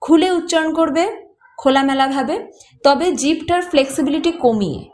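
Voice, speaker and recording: A woman with a Bengali accent and a fairly high voice talks learners through pronunciation. She is patient, repeats sounds slowly and keeps a casual, encouraging lesson tone. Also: a little mellow. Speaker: French teacher, podcast host. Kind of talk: informal language lesson.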